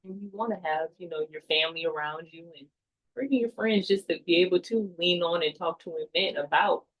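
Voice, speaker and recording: A woman playing a calm, sympathetic counselor in a mock session, reflecting back hesitantly like a therapist. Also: on the low side, fairly quick, lo-fi sound, close to an everyday voice. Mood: gently supportive. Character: calm, sympathetic counselor listening to a client in crisis. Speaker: counselor in a role play.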